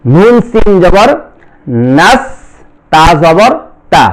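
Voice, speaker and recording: A man with a Bangladeshi accent teaching Quran reading, spelling out each letter and vowel and then repeating the syllables in a slow recitation lesson. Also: high voice, expressive.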